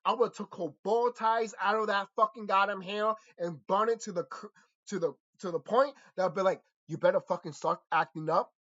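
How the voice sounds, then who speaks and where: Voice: medium pitch, fairly even intonation, moderate pace, fairly bright tone. A person delivering a vehement, profanity-laden opinion rant about cartoons, repeating phrases for mocking emphasis. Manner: ranting, vehement, heavy swearing. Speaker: commentator. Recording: dull lo-fi microphone.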